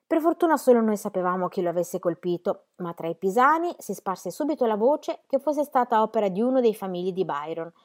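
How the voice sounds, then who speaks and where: Female reader, mid voice, measured and expressive letter reading. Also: medium pitch. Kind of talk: reading historical letters aloud.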